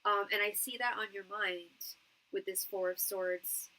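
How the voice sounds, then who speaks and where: A woman with a nasal voice giving a live tarot reading to one client, halting and repeating words as she searches for them. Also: medium pitch, fairly even intonation, pushed and bright, low-quality recording. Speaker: tarot reader and psychic medium.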